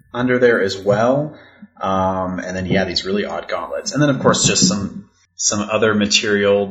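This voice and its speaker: A man's voice: on the low side, fairly bright tone, dull audio. A man narrating as game master of a tabletop role-playing podcast, describing scenes in a casual, filler-laden way.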